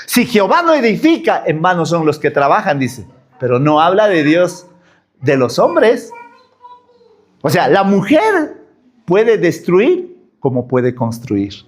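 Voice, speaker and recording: A man's voice: a little high, huge pitch swings, slow pace. A man preaching a sermon as pastor, full of rhetorical questions.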